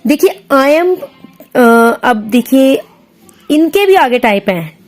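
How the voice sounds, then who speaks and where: Woman teacher, slightly high voice, slow and patient classroom explanation. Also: lively intonation. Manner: slow, patient, repeats terms, mixes English into speech. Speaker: English literature teacher. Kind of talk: explaining poetic meter in a lesson.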